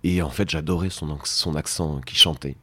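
A man in his thirties speaks with a southwestern French lilt, his voice very low and deep. He talks hesitantly, restarting phrases often, and the sound is close and dry with no room around it. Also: steady tone, moderate pace, breathy edge, no room sound. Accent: southwestern French, picked up in childhood. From Brittany, France. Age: 30s. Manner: hesitant, many fillers and restarts, soft-spoken. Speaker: podcast guest. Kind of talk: candid conversational interview.

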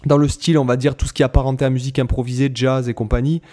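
A man's voice: medium pitch, little pitch movement, racing, warm tone. A man hosting a podcast in casual chat, rambling and hesitant, often repeating words as he goes. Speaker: podcast host.

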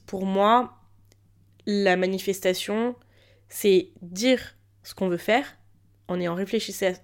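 Woman podcaster with a thick, swollen-tonsils voice. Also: medium pitch. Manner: informal, motivational, addressing listeners directly. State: sick with a throat infection. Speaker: podcast host. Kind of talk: casual solo podcast talk.

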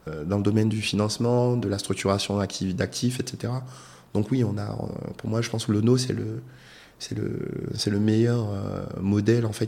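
A man from Côte d'Ivoire, speaking as an entrepreneur guest in a casual interview, explaining in a measured way with many hesitations. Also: on the low side, creaky, dark tone.

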